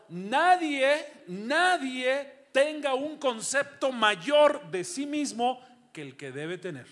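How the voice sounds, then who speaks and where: A high-pitched middle-aged man preaches a sermon in a church. He fires rhetorical questions at the congregation, then drops to low, confiding asides. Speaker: pastor.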